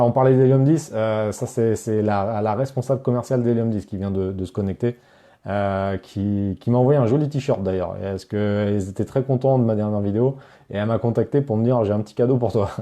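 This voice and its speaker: This man's voice sits on the low side, brisk and warm, as he runs a live Q&A for his online course. Talking straight to his audience, he reads questions from the chat and answers loosely, full of fillers and false starts.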